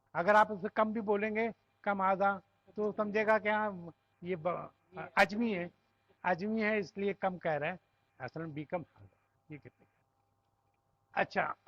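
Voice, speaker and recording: A man with a Pakistani Urdu accent leads a grammar class in a fairly high voice. He explains point by point, stopping to quiz his students and check they follow. The recording is dry and somewhat dull, with a lo-fi edge. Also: dry recording. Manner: explains step by step, asking the class questions and checking with "right?". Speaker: Arabic grammar teacher. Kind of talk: classroom lesson.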